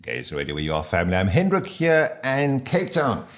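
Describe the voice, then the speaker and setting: A man's voice: on the low side, wildly swooping pitch, a little fast, music in the background. A man with a South African accent hosting a conversational radio interview. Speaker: radio host.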